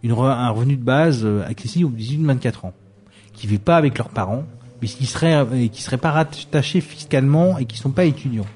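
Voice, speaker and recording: A man's voice: mid-range voice, a little fast, a little mellow, breathy edge. A man presenting an article on a radio show, speaking hesitantly with frequent fillers. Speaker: news columnist. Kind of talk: radio press review.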